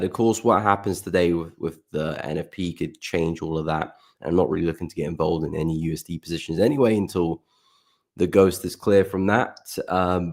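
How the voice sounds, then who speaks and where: This low-pitched man runs a live forex analysis stream, relaxed and conversational as he greets viewers by name. His voice is croaky, and he keeps clearing his throat.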